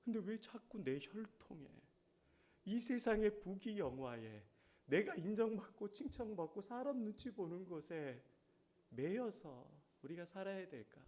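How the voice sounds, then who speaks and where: A middle-aged male pastor preaching a sermon, asking the congregation questions and swinging between loud exhortation and quiet asides. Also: high-pitched, very animated, measured pace.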